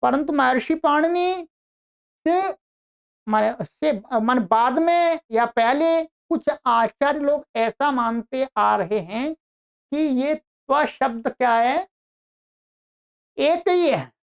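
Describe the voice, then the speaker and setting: A woman teaching an online grammar lesson, explaining slowly and repeating her own questions to the class. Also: sits high, lively intonation, gravelly, highs cut off.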